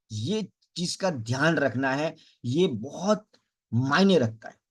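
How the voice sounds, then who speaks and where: A man teaching public speaking as an emphatic coach, demonstrating rises, falls and pauses in speech. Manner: emphatic teacher, varies pace and pitch to show speech rhythm. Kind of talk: spoken tutorial lesson.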